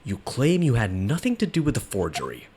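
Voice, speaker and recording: A man's voice: mid-range voice, wildly swooping pitch, a little fast, noisy background. A man voicing an earnest young defense attorney in a fan game dub, with dramatic courtroom delivery. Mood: accusing.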